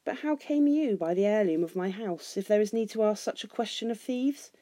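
Storybook dwarf king, read by a woman: haughty, stubborn, scornful, quick to wrath. Dry recording. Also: medium pitch, no room sound, lightly acted. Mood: thick with wrath. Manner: imperious, scornful, shouting in rage.

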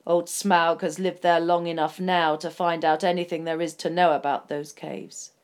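A woman voicing a proud, grave dwarf leader in a storybook reading, pitching her voice lower and gruffer. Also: little pitch movement, moderate pace, lightly acted.

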